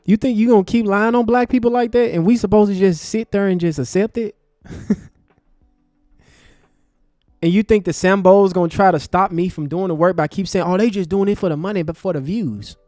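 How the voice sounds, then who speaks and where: A man giving impassioned, profane livestream commentary from his desk, swinging between loud outbursts and low, intense talk. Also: a little fast, no room sound, studio quality, soft background music. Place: home desk. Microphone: desk mic.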